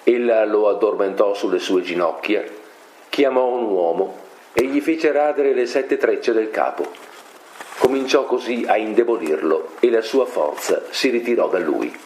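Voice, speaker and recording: A man reading a scriptural story aloud in a steady, solemn way, recorded in an echoey room with faint noise. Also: lowish voice, measured pace. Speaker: reader.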